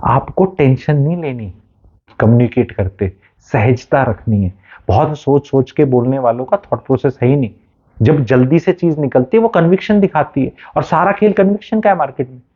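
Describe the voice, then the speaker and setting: A man's voice: medium pitch, normal speed, husky. A man giving a blunt, motivational talk as a communication coach, mixing Hindi with English phrases. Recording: phone-like narrow band.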